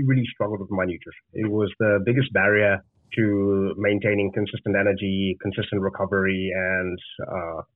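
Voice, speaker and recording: Over a dry, tinny, phone-like line, a Zimbabwean man with a fairly low, slightly rough voice answers interview questions as a guest and startup founder. He speaks earnestly and often restarts his words, with no echo.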